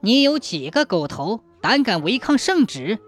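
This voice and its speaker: A woman voicing a band of bullying male toll-gate soldiers who bark their demands fast in a raised, higher voice. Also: sing-song, soft background music. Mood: menacing. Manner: barking, bullying, rapid.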